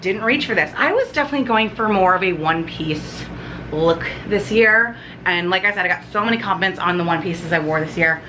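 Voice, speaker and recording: Chatty woman in her 30s rambling thru a haul vlog at home, bright voice, lots of um and like. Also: on the low side, expressive, brisk, a little hiss or hum. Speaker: vlogger. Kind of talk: casual unpacking haul chat. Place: living room at home.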